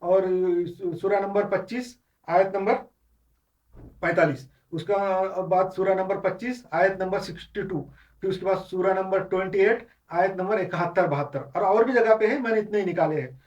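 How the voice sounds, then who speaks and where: High-voiced man giving a religious lecture. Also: moderate pace, a little mellow, far from the mic, dull audio. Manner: explanatory, mixes English terms into Hindustani; frequent restarts and filler sounds. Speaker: Islamic teacher.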